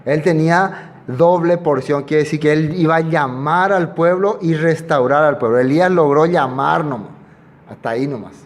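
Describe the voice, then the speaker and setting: A man's voice: fairly high pitch, normal speed, long reverb tail. A man preaching, talking in a conversational way and asking his listeners questions. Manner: conversational, asks the audience questions. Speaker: pastor. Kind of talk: expository sermon.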